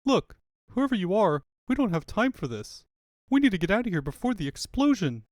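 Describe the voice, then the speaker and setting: A man voicing a brisk, earnest young princess who leads freedom fighters in a cartoon fandub. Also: high voice, very animated, darkish tone, no echo, studio quality, voice pushed up. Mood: urgent.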